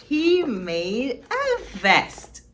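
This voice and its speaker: In a high-pitched voice, a woman reads a picture book to young kids with teacherly expression, pausing for emphasis and asking them questions. Slight background noise can be heard.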